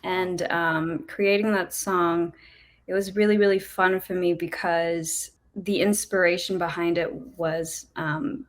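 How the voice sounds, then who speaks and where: A woman's voice: lowish voice, steady tone. A young adult woman, a singer, chatting as an interview guest in a bubbly, giggly way. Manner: bubbly, giggly, quick to cheer. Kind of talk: casual interview.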